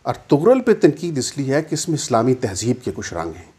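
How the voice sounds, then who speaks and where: A middle-aged man from Pakistan talks straight to the listener in a slightly husky voice. He builds his case with rhetorical questions and firm emphasis, pitched at an everyday middle level. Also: sing-song, mellow. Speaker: commentator. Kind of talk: opinion monologue.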